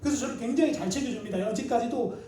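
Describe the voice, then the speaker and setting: A man's voice: very high voice, racing, warm tone, slight background noise. A male pastor in his thirties preaching a sermon, telling personal stories with earnest feeling and acting out prayers and quoted speech. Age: 30s. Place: church sanctuary. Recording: echoey room with the mic at a distance.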